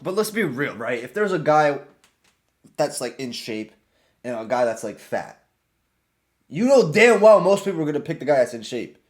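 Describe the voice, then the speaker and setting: A man's voice: fairly high pitch, very animated, moderate pace, pauses often. A man hosting a casual reaction video, talking bluntly with slang and swearing.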